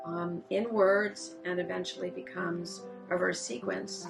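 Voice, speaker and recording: A woman presenting her publishing program in a measured way, with pauses and fillers. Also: lowish voice, flat delivery, gravelly, loud music behind the voice. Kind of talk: prepared presentation.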